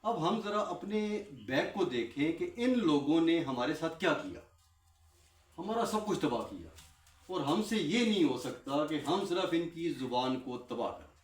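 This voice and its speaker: A man speaking to a class of trainees in a fervent, repetitive way, firing questions at the room and answering them himself. His voice sits a little high and reaches the mic from across an echoey room. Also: big pitch swings, far from the mic. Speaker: guest speaker addressing trainees. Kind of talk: impassioned classroom talk.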